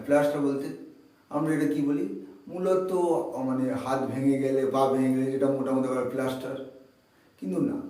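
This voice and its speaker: A man teaching an English vocabulary lesson to students, quizzing them and answering himself, repeating key words slowly. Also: a little high, dark tone. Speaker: English tutor. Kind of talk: spoken language lesson to students. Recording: echoey room, voice from far off.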